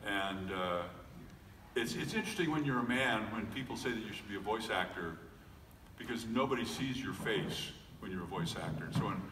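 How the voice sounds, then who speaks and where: A middle-aged American voice actor jokes about himself on a convention panel, his lowish voice animated and fairly bright at normal speed, with plenty of fillers and restarts. He's recorded from a distance in a big, echoey hall with faint noise.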